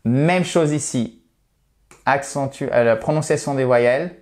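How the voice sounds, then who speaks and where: A man's voice: mid-range voice, measured pace, a little mellow. Male teacher, casual online lesson, chatty, reassuring, friendly asides. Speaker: English teacher.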